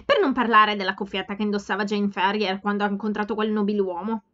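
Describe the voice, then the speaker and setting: A woman's voice: medium pitch, fairly even intonation, fast, natural voice. Woman reader doing a blunt young sister, pushy and insistent, slightly muffled home audio. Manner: forceful, insistent scolding.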